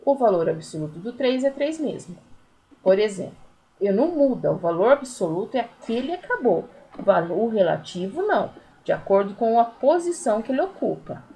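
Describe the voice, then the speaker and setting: Warm in tone and fairly high in pitch, a woman teacher with a Brazilian Portuguese accent speaks briskly with big pitch swings in a recorded remote lesson for primary pupils. She patiently explains the material, counting syllables aloud and using many diminutives. The audio is poor, with slight background noise.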